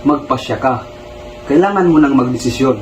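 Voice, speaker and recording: A man's voice: medium pitch, lively intonation, moderate pace, over music, natural voice. A man playing a stern scheming revolutionary. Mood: commanding. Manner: intense, commanding, urgent. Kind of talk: amateur student stage drama. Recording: echoey room with background noise.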